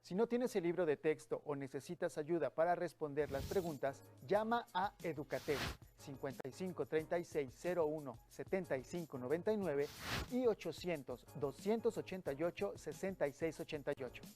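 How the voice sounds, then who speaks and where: A man reading a calm, scripted voice-over for a children's lesson, speaking directly to the child. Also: a little high, moderate pace, soft background music. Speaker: program announcer.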